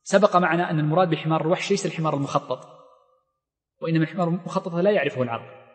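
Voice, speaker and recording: A man's voice: fairly high pitch, racing, long reverb tail. A man teaching a lesson on Islamic law, reading lines from a text and then explaining them with many fillers and restarts. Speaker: Islamic scholar teaching fiqh.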